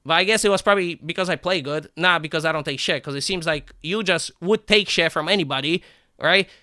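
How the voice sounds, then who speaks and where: A man livestreaming a game and ranting to his chat, profane and combative, swinging between animated outbursts and flat calm, with a habit of asking "right?". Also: on the high side, brisk, dry recording, clean studio sound. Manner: repeats "right?" and restarts words. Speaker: live game streamer talking to chat. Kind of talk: unscripted stream rant.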